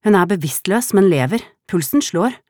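A woman's voice: medium pitch, expressive, darkish tone, no echo, clean studio sound, voice pushed up, lightly acted. A woman reading aloud and voicing a frightened young woman who gives urgent orders at an accident, in a raised voice. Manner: urgent, anxious, commanding. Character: worried young woman, foster mother.

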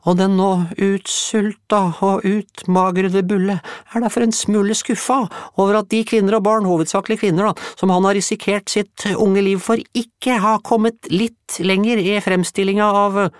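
A man's voice: high-pitched, level tone, few pauses, smooth, no echo, clean studio sound, voice pushed up, lightly acted. A man voicing a tiny, boastful red-haired boy who speaks in grand, pompous speeches.

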